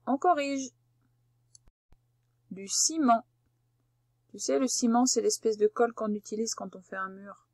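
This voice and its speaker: A woman teacher giving a patient, slow spelling dictation lesson, spelling out letters one by one. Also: on the high side, a little mellow, no room sound, clean studio sound.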